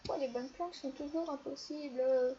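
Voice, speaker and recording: High-voiced teen girl gaming. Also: normal speed. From France. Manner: playful, chatty, talks to herself and the players. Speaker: gaming video creator. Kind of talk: let's play commentary. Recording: dull lo-fi mic with steady noise.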